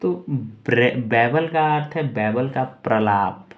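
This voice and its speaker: Guy teaching english words super slow, spells each one out, repeats a lot, mid pitched voice. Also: dull audio. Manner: spells words letter by letter and repeats them slowly. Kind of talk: slow pronunciation lesson.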